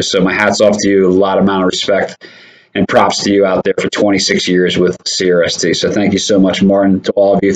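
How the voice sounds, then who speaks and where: A man's voice: sits low, rough recording. A man hosting a casual company safety update, upbeat and encouraging, who often checks in with "right?".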